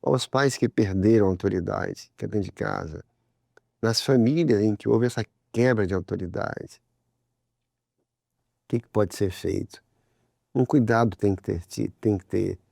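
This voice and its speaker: A man with a Brazilian Portuguese accent talks in a gravelly, creaky voice about faith and family. His tone is conversational, and he gets lively when he tells examples. The studio sound is dry and close, with no room echo. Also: fairly low pitch. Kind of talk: religious family talk.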